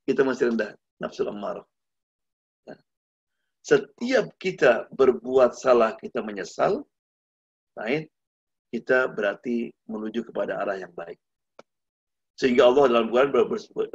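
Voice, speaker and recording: A male preacher with a gravelly, husky voice tells a story and gives a lesson. He acts out each character as he goes. The sound is dull and lo-fi, as a video call usually is. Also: medium pitch. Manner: animated storyteller acting out voices. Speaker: Islamic preacher.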